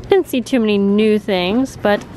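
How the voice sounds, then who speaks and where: In a busy indoor discount store, a woman hosting a shop-along vlog chats informally and amiably with her viewers, commenting on her haul. Her voice is mid-range and unhurried, with noisy store ambience around her.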